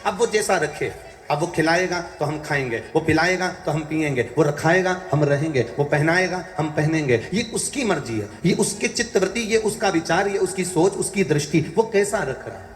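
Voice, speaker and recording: A man giving a devotional sermon, repeating phrases emphatically to exhort his listeners and breaking into slow sung verses. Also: a little high, expressive. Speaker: preacher giving a religious discourse. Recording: echoey hall with music behind.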